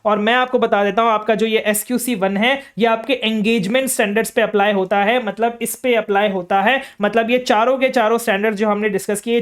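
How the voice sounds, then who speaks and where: A young Indian man teaching an accounting exam revision lecture, asking his own questions and repeating key terms. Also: high-pitched.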